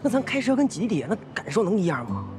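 A man's voice: high-pitched, very animated, fast. An actor playing a young husband who coaxes and pleads with his wife. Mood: coaxing. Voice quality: pleading and repetitive when apologizing. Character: eager, sheepish young husband. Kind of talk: short drama acting. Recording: music bed under the dialogue.

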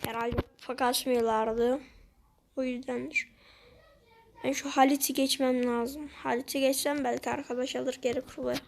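A woman commenting on her own gameplay to her viewers, getting frustrated and excitable as she plays. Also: sits high, normal speed, creaky, background noise. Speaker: gaming channel host.

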